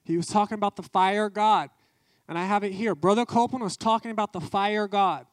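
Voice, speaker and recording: High-voiced fervent male preacher. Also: fast, smooth, no room sound, studio quality. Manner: fervent, emphatic preaching with repeated phrases. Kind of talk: testimony sermon.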